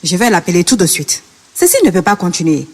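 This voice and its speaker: A woman's voice: fairly low pitch, lively intonation, fairly quick, darkish tone, husky, in a large hall. A woman in a radio drama playing an exacting, authoritative construction site manager who is also a mother. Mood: firm. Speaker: actor in a French radio drama.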